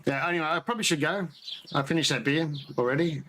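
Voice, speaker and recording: A man's voice: fairly high pitch, quick pace, pushed and bright. A man hosting a casual homebrew live chat, rambling and laughing as he signs off. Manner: rambling, chatty, laughs often. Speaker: homebrew channel host. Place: at home, near the garage, partly outdoors. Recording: noisy outdoor audio with birdsong.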